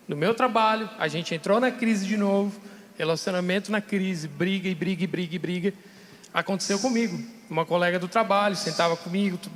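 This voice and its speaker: High-voiced man in a reverberant studio. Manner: candid, emotional storytelling with laughter. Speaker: podcast guest sharing testimony. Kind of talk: casual testimony. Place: radio studio.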